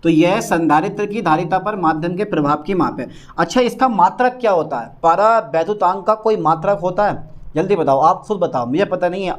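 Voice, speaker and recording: High-voiced man dictating physics notes. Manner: repeats phrases slowly for dictation, quizzes students. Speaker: physics teacher. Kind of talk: classroom lecture, dictating notes.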